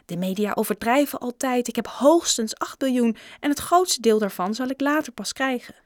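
A woman's voice: fairly high pitch, normal speed, darkish tone, no room sound, clean studio sound, pitched above the performer's own voice, lightly acted. A woman voicing a shy, nervous twelve-year-old boy who speaks hesitantly and apologetically, in a storybook reading.

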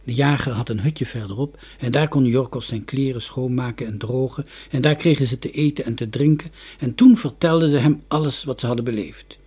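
A man reading a children's story aloud in an expressive, dramatic way. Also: mid-range voice, brisk, few pauses, slightly rough. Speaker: narrator.

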